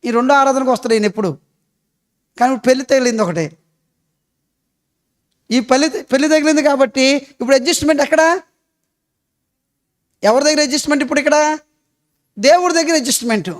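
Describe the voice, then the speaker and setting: A man's voice: very high-pitched, fairly quick, long pauses. A male pastor with a Telugu accent, preaching a sermon full of rhetorical questions and repeated emphatic phrases.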